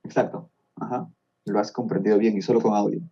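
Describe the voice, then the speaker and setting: Peruvian man, podcast guest, patient explainer; very dark, mellow tone, muffled lo-fi audio. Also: fairly low pitch, fairly even intonation, brisk, husky. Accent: Peruvian Spanish. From Peru. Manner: patient, explaining step by step with frequent checks like "¿no?". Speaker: guest expert on Tolkien's languages.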